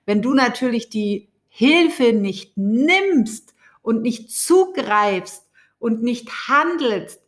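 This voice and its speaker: Woman playing God in a parable, calm, slow and patient with a foolish man. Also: on the high side. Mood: gently scolding. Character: patient God at heaven's gate, gently scolding.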